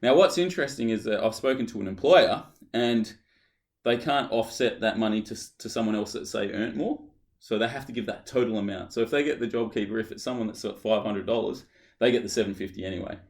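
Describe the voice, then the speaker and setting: Australian male podcast host, low-ish voice, halting and chatty, asks the questions. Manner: halting, restarts often while posing questions. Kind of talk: casual podcast chat.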